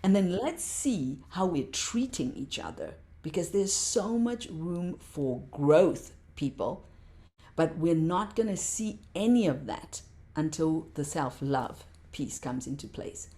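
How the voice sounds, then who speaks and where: A woman with a low, mellow voice speaks as a podcast guest. She talks with passion and stacks up repeated words to drive her points home. She sounds middle-aged. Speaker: podcast guest, meditation teacher. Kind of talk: casual interview talk.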